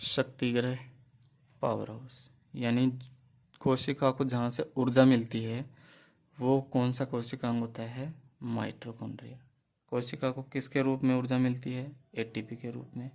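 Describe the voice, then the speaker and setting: A man's voice: mid-range voice, steady tone, a little slow, creaky, a little mellow. A man teaching a biology class for exam preparation. He asks questions, answers them himself and repeats key terms. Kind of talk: exam-prep lecture.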